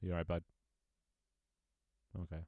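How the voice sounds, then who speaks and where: A man in his twenties rambles through a casual live stream of his own game, full of ums and restarts, reading viewers' chat aloud as he goes. His low voice is completely flat and unhurried. The recording is dry, with phone-quality sound.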